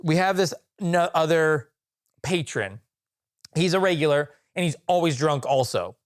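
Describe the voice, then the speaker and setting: Relaxed man chatting on a podcast. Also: fairly high pitch, unhurried. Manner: relaxed, chatty, joins in on the story. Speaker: podcast co-host. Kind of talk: casual chat.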